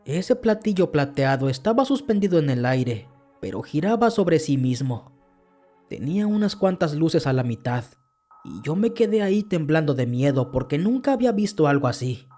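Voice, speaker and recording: Man, podcast horror narrator, slightly high voice, warm tone, earnest storytelling. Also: big pitch swings, moderate pace, faint music behind. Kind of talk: scripted first-person horror narration.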